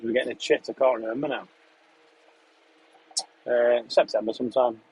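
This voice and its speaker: A young English farm contractor talks in a husky, breathy voice at an everyday pitch. He is relaxed and chatty, reading out viewer questions and narrating his job as he goes. He is speaking from inside a tractor cab. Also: normal speed, poor audio. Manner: relaxed, chatty, answers questions between running commentary on the job. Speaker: farm contractor live-streaming while spraying a field. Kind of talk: casual live-stream chat reading viewer questions.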